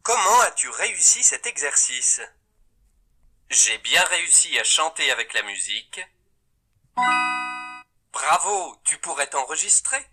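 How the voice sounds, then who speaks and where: A man giving scripted instructions and praise to a child in a learning app, in a steady, encouraging way. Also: on the high side, background noise. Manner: slow, cheerful praise to a child.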